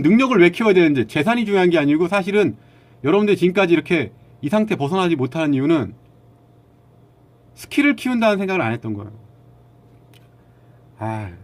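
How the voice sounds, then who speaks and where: A man hosts a casual live stream and lectures his viewers in a blunt, argumentative way, snapping back at the chat. His voice sits a little high for a man and swings widely in pitch. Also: animated, a little fast, pauses often.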